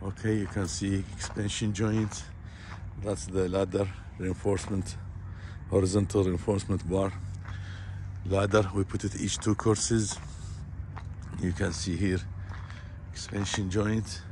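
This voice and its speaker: A man walking a construction site and explaining the work in plain, halting, repetitive phrases, recorded on a handheld phone outdoors. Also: low voice, flat delivery, background noise. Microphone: phone camera held by the speaker.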